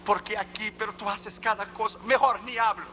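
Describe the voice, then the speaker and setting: A man preaching a sermon, telling a story dramatically and rising to shouted exhortation. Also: high voice, fairly even intonation, moderate pace, soft background music.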